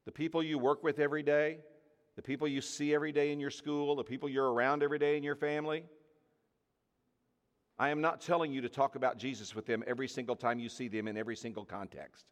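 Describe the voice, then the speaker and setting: A man's voice: medium pitch, fast talker. A man preaching a sermon to a congregation, telling a personal story and acting out the voices in it. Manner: animated storyteller acting out dialogue. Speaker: pastor. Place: church hall with audience. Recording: long hall reverb.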